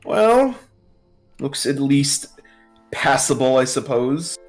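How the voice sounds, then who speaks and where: A man's voice: mid-range voice, very animated, soft background music, voice pushed up. A man voicing a pompous, scheming male noble trader in a tabletop game. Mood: smug. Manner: haughty, drawn-out speech.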